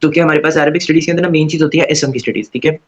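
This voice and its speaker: A man teaching an online Arabic grammar class in a casual, repetitive way. He keeps checking in with his students and slowly chants verb forms aloud. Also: on the high side, steady tone. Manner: casual and repetitive, checking in with "theek hai?" after every point. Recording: dull lo-fi recording.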